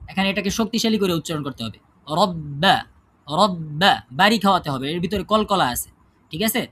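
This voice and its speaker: A man teaches a class with a high-pitched voice. He asks the students questions and answers them himself. He keeps checking whether they follow him. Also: sharp tone. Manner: checks understanding with frequent tag questions. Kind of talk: classroom lesson on Quran recitation rules.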